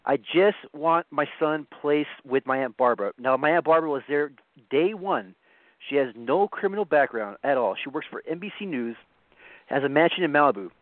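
A man's voice: fairly high pitch, expressive, no echo. Man calling in stammering radio show caller on a tinny phone line. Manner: halting, stammering, many fillers. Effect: phone-line call-in audio.

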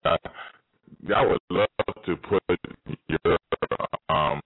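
Host from Michigan, man, very low voice, halting, tinny internet call breaking up. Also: breathy edge, soft background music. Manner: halting, many fillers and restarts. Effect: internet call breaking up, cutting out. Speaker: online show host. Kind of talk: casual call-in chat.

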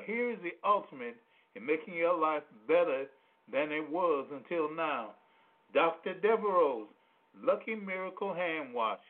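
A man delivering a hard-sell commercial pitch, repeating the product over and over like a pushy salesman. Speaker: pitchman in a radio ad. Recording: tinny phone-like sound.

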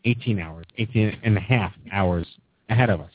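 A man's voice: fairly low pitch, normal speed, breathy edge, no room sound. A man in his forties hosting a radio talk show, chatty and enthusiastic, rambling with many fillers and restarts. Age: 40s. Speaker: host. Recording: dry, tinny phone-like line.

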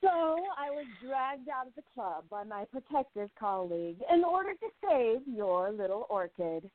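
In an amateur radio play, a woman narrates and plays a gossipy society columnist who relishes every word. Her fairly high voice swings widely in pitch at a moderate pace, and the sound is narrow and phone-like.

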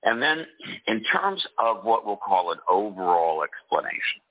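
An older man speaks in a deep, rich bass voice, congested with a cold. He answers as an interview guest in a halting, deliberate way. The radio audio is dry and slightly muffled. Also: sing-song, no room sound. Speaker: guest, political activist and disclosure advocate. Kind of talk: interview talk.

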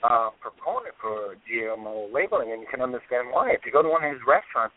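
A man's voice: mid-range voice, lively intonation, fast talker. Chatty man on a phone-line radio show. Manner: chatty, storytelling, many fillers. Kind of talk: casual radio chat. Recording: phone-like call-in audio.

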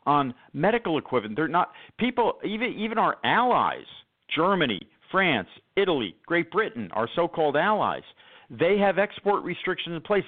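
A man with an emphatic, sarcastic manner and many fillers, talking politics as a guest on a call-in radio show over a phone line. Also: a little high.

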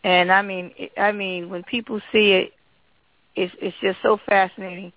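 A woman's voice: medium pitch, little pitch movement, normal speed, no echo. A woman author and genealogist chatting enthusiastically as a guest on a radio interview. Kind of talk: casual radio interview chat. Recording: tinny phone line.

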